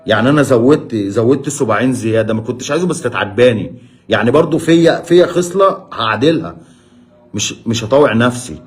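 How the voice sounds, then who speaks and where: Egyptian man, mid-pitched, self-filmed phone monologue, pleading, keeps repeating his questions. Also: lively intonation, fast. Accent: Egyptian Arabic. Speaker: diabetic patient sharing his experience. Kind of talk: emotional direct-to-camera monologue. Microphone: phone camera.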